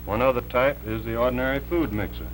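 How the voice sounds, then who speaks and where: A man, an electrical engineer, explaining a technical demonstration in a measured, plain way, heard as a 1950s TV broadcast. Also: mid-range voice, slight background noise, low-quality recording. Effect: 1950s TV broadcast sound.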